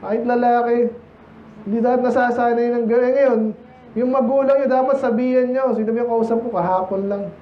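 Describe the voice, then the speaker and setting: High-voiced Filipino preacher in an echoey church. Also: male voice, steady tone, a little fast, a little hiss or hum. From Philippines. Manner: conversational, teasing, many rhetorical questions to the congregation. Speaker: pastor. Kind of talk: sermon. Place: church sanctuary. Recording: echoey, muffled church recording.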